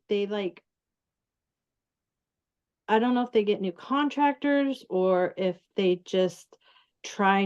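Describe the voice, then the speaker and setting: A woman talking casually as a guest, halting with many fillers and restarts. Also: mid-range voice, highs cut off. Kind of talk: casual recorded conversation.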